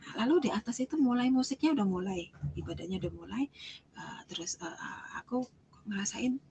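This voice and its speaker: A young woman recounts her personal testimony in an animated, storytelling way. She acts out the voices of the people in her story and sometimes falls to a near-whisper. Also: mid-range voice, a little fast, creaky, muffled recording, a little hiss or hum. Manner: animated storytelling, acting out quoted dialogue, drops to whispers. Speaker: testimony giver.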